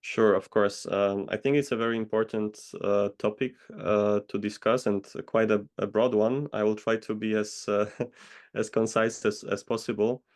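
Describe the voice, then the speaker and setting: A man from Poland, answering interview questions in a measured, hesitant way over a video call. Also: on the low side, flat delivery, a little mellow. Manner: measured, hesitant with many pauses. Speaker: guest consultant.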